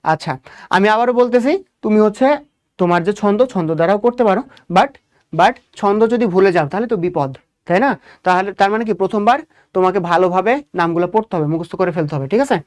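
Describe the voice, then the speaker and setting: A man's voice: high voice, a little fast. Man quizzing students in a lecture. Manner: asks the class questions, then answers them himself; repeats key points. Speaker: biology teacher. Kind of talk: exam coaching lecture.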